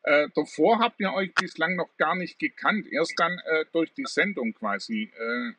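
A man's voice: on the high side, moderate pace, bright, forceful tone, distant mic, a little hiss or hum, poor audio. A middle-aged man hosting an interview over a video call, chatty with many fillers. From southern Germany. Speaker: talk show host. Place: room at home with plants.

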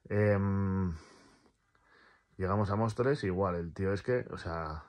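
A man's voice: low-pitched, unhurried. A man rambling casually through a personal vlog, repeating words and swearing freely, in pain from a torn calf. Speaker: vlogger.

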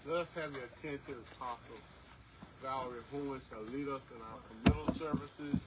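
A man's voice: medium pitch, normal speed. A man speaking as a funeral director, making formal, courteous ceremonial announcements at an outdoor graveside service. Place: outdoors at a cemetery under a tent. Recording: noisy outdoor camera recording.

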